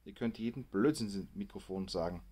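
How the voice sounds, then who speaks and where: A man's voice: lowish voice, a little fast, mellow, slightly rough. A man voicing a cheeky young rascal who brags to his friends.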